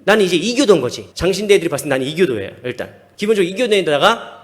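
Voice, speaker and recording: A man's voice: high-pitched, very animated, racing. A male pastor giving a sermon, emphatic, with rhetorical questions to the congregation in a church sanctuary.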